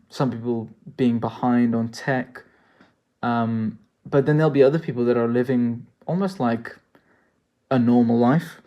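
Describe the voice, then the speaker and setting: A man's voice: medium pitch, dark tone. A man from South Africa chatting loosely through a live-stream Q&A as a worldbuilding creator, thinking aloud with jokey asides. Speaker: worldbuilding creator answering chat.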